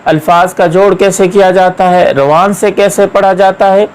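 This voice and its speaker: A man's voice: high-pitched, steady tone, moderate pace, clear, resonant tone, poor audio. A man teaching Quran reading, patiently spelling out syllables one by one and drawing out each sound. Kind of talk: slow step-by-step recitation lesson.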